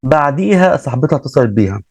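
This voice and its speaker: Fast, gravelly Egyptian man telling a story. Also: medium pitch, sing-song, a little mellow, dry recording. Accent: Egyptian Arabic. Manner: retells events with many repeats and restarts. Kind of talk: casual religious storytelling.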